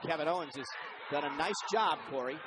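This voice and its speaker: A man doing excited live play-by-play wrestling commentary, punching out each call of the action. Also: a little high, fairly quick. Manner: emphatic, punchy calls of the action. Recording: loud crowd noise behind live broadcast. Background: roaring arena crowd.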